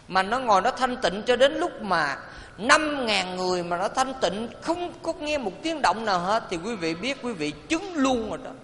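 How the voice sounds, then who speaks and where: Animated monk preaching in a hall. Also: male voice, high voice, a little hiss or hum. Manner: animated, playful, addresses audience often, leads chanting. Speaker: Buddhist monk giving a dharma talk. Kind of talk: sermon. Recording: reverberant hall, faint ambience.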